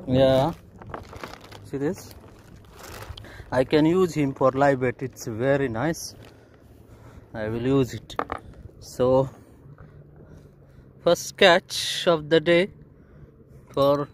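A middle-aged man with a slightly high voice casually narrates his fishing from a small boat at sea, speaking to viewers as "guys" in simple terms. He films himself on a phone held at arm's length. Boat and water sounds sit behind him, along with a little hiss or hum.

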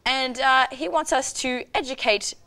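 A woman's voice: sits high, measured pace, bright, forceful tone. A young woman hosting a live student TV show, giggly and hesitant with lots of fillers. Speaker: host.

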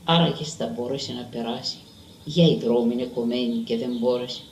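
A man giving a measured, dramatic literary reading of a story. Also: medium pitch, slight background noise. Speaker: reader. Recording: roomy and distant.

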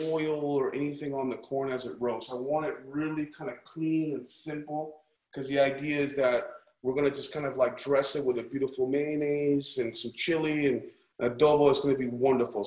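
A slightly high male voice with a darkish tone guides a casual cooking class. Cheerful and encouraging, he talks a lot while demonstrating and keeps checking in with "right?" and "okay?", amid echo and background noise.

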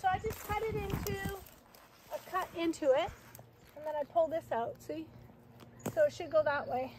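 High-voiced chatty woman outdoors. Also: moderate pace, noisy background. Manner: chatty, upbeat, explaining step by step. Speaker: vlogger. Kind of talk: casual how-to demonstration. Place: backyard garden outdoors.

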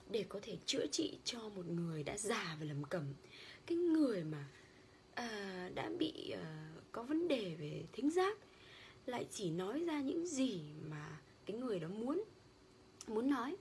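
A woman from Vietnam, an English lecturer, teaching a vocabulary lesson. She explains word stress and meanings, and reads English quotes out slowly. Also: medium pitch, big pitch swings, darkish tone, a little hiss or hum.

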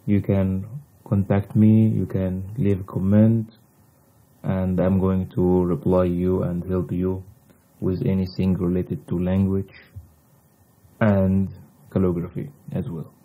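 A man whose native language is Arabic, teaching a language lesson in deliberate, halting short phrases on a slightly dull recording. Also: low voice, completely flat delivery. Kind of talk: slow instructional language lesson.

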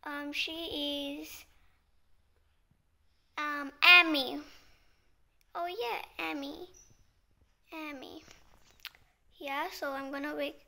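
A woman chatting casually as a vlogger, talking in a sleepy way and often dropping to a hushed near-whisper. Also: high-pitched, steady tone, gravelly. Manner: slow and sleepy. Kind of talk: casual vlog narration.

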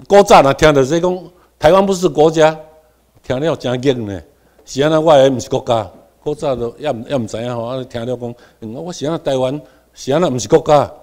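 This middle-aged Taiwanese lecturer has a fairly high-pitched voice. He drops into quiet asides, suddenly punches certain words loudly, and gets the class to repeat terms after him.

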